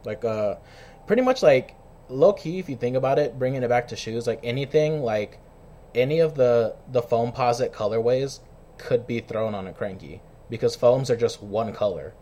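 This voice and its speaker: A man's voice: medium pitch, animated, moderate pace, mellow, muffled recording. A man hosting a casual podcast, chummy and slangy, swearing freely. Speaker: podcast host. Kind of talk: casual interview chat.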